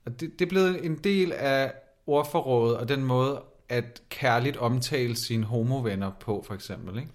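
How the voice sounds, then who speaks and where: A man's voice: medium pitch, hardly any pauses. A man in casual podcast chat, co-hosting in a playful, teasing way. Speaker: podcast co-host.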